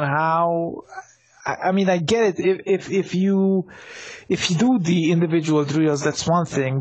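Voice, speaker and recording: Chatty man with a highish voice. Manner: rambling, many restarts and fillers. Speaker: podcast co-host. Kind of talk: casual sports chat.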